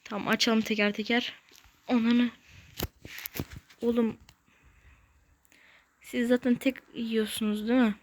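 A woman hosting a gaming channel, giving casual let's-play commentary in short, excitable bursts with slangy exclamations and mild curses. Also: on the high side, a little slow, long pauses, a little hiss or hum. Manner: talks to self while playing, short bursts.

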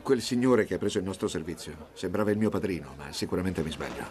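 An actor playing a stern, ill-tempered shop boss in a dubbed TV drama, with a curt, scolding way of talking. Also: male voice, deep voice, expressive, fast, darkish tone.

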